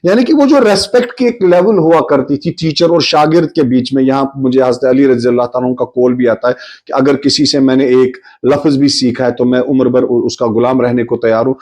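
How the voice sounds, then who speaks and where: A man's voice: fairly high pitch, darkish tone. A man hosting a podcast interview, echoing his guest's words back and asking long, carefully framed questions. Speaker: podcast host.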